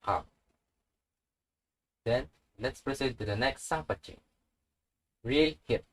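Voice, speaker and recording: A man's voice: medium pitch, measured pace, rough recording. A man teaching a language lesson, patiently repeating each example word. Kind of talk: slow instructional tutorial.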